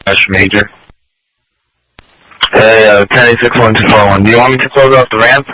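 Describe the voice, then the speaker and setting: A man's voice: fairly low pitch, fairly even intonation, moderate pace, background noise. A man, a police officer, heard over a police radio, calling in to dispatch in terse procedural bursts broken by fillers.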